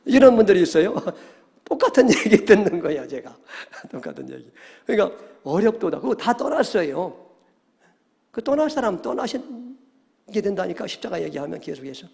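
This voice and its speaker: A male pastor preaching a Sunday sermon, animated, often checking in with the congregation and acting out quoted voices. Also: high voice, moderate pace, gravelly. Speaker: senior pastor. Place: church sanctuary. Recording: long church hall reverb.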